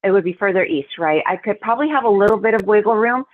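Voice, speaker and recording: A woman's voice: mid-range voice, expressive, fast, no echo. A woman calling in as a utility representative, speaking in a hesitant, careful and businesslike way over a glitchy phone call that keeps breaking up. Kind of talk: public meeting remarks by phone. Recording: tinny, breaking-up phone line.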